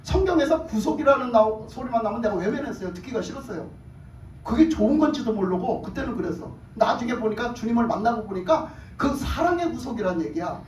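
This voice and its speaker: High-voiced man preaching in an echoey church. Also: fast. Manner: lively, colloquial storytelling that flares into excitement. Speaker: pastor. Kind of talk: sermon with personal storytelling. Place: church sanctuary. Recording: roomy church hall, far from the mic, faint background noise.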